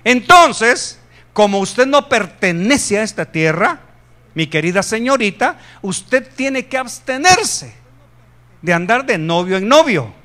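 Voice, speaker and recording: Animated high-voiced man preaching. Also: slow. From Guatemala. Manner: animated preaching, rising loud for emphasis, joking asides. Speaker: pastor. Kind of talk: sermon.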